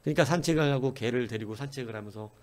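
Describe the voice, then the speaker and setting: A man preaching a sermon as pastor, telling a story in a lively way and acting out the quoted speech. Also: mid-range voice, rapid-fire. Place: church.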